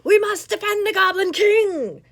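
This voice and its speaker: A woman's voice: very high voice, animated, measured pace, fairly bright tone, voice pushed up, heavily acted. A woman voicing a group of eager goblins who cheer for their new king, read in a storybook. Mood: excited. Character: crowd of eager excited goblins.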